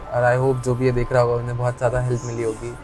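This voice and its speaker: A man's voice: medium pitch, completely flat delivery, fast, over music, rough recording. A man hosting a casual interview, asking hesitant questions and giving short agreeing replies. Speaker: podcast host.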